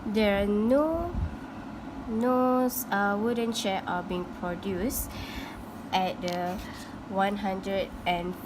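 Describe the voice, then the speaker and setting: Slow-talking young woman student presenting. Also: mid-range voice, fairly even intonation. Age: young adult. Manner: halting, with restarts while explaining a graph. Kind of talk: class presentation. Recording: noisy phone recording with hum.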